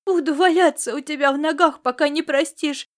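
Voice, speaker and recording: A woman voicing a loud, bossy peasant mother who scolds and fusses in folksy speech. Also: high voice, steady tone, brisk, voice pushed up, close to an everyday voice. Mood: loud lamenting. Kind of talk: audiobook character reading.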